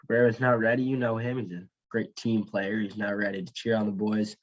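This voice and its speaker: A man's voice: lowish voice, little pitch movement, a little fast. A man giving baseball play-by-play commentary in a conversational, explanatory broadcast manner. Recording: dull, lo-fi sound.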